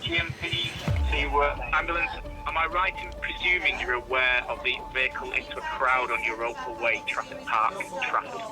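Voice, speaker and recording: A man's voice: medium pitch, steady tone, normal speed, loud music behind the voice. A police radio operator, a man, comes through a two-way radio. He sounds distant, with a mid-range voice, and he keeps to clipped, formal radio protocol. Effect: heard over a police two-way radio.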